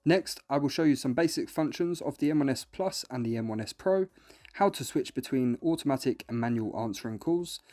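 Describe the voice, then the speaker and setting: A man reads a scripted product review briskly and expressively, his medium-pitched voice darkish in tone. He lays it out step by step as instruction, with music in the background.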